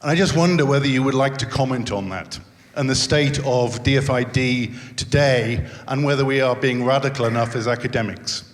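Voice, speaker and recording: A middle-aged male academic asks a pointed, animated question into a handheld mic in a lecture hall. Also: mid-range voice, brisk. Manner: animated, pointed, mildly indignant. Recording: long hall reverb.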